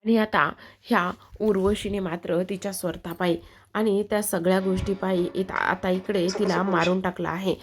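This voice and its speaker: Woman recap narrator, flat delivery, creaky and gravelly. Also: mid-range voice, normal speed, a little hiss or hum. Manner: storytelling, filler-heavy.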